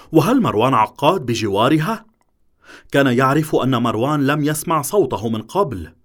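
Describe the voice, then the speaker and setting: Man narrating a thriller. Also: medium pitch. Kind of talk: dramatic audiobook narration.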